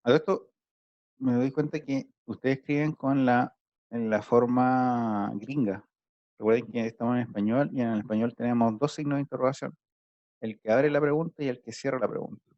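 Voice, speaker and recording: A man's voice: mid-range voice, steady tone, normal speed, no echo, dull audio. A man teaching an online math class, patiently explaining each step to his students over a video call.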